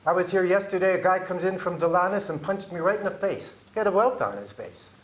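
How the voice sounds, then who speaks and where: Agitated high-voiced man at a podium. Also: fast talker, reverberant. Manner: agitated, pleading, scolding. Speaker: public commenter. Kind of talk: public comment at council meeting. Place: city council chamber.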